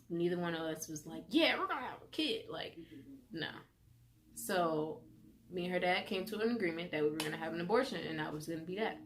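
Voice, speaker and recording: Young woman telling her own story. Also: lowish voice. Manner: animated retelling full of "like" and acted-out quotes. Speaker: vlogger. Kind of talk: casual personal storytelling.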